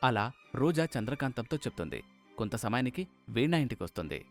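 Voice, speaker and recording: A man giving scripted narration for a cartoon moral story, steady and plain. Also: mid-range voice, a little fast, faint music behind.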